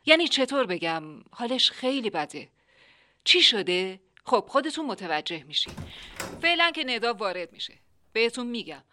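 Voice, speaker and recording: A woman's voice: on the high side, very animated, pushed and bright, a little hiss or hum. A woman narrating and hosting a comic radio drama, chatty and a little flustered, often apologizing to the other characters. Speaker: narrator and host.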